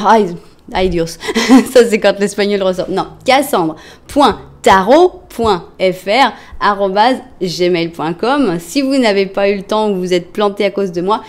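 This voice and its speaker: A chatty woman talks her viewers through a tarot reading, speaking to them directly. Her voice sits at an ordinary middle pitch. She keeps her delivery loose and reassuring, full of little fillers and restarts. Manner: chatty, warm-hearted, with frequent fillers and self-corrections. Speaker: tarot card reader.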